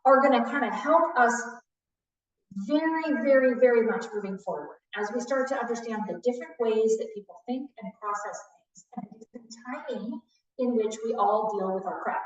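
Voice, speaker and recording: A woman's voice: fairly high pitch, normal speed. A woman instructor leading a live trauma training class, talking the group through ideas and often checking in with "right?". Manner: warm teacherly, frequent "right?" check-ins. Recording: distant echoey dull room audio.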